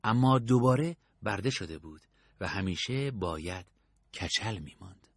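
A man narrating an audiobook story with a steady storytelling read. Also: on the low side, gravelly, husky, no room sound, clean studio sound.

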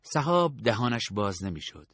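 A man narrating an audiobook story with a steady storytelling read. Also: lowish voice, no echo, studio quality.

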